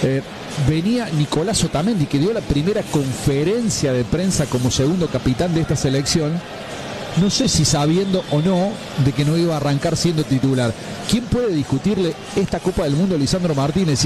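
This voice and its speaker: A man giving measured, emphatic opinions on a sports radio show. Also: on the high side, lively intonation, background noise.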